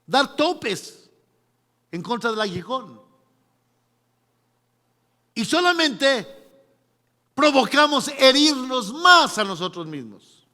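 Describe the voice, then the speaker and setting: A man preaching a sermon, animated, acting out quotes and laughing often. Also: very high voice, slow, long pauses. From Mexico. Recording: long reverberant hall.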